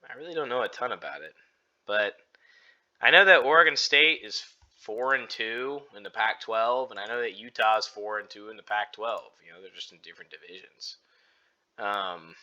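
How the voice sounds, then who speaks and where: Bright-voiced laid-back podcast co-host man. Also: medium pitch, lo-fi sound. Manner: rambling, laid-back, lots of fillers and self-deprecating laughs. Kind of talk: casual sports betting chat.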